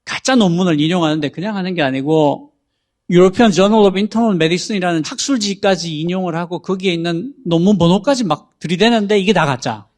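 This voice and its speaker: Talking fast in a high-pitched voice with a darkish tone, this man is a talk show guest explaining AI. He patiently lays out how a chatbot operates, reading out example prompts along the way.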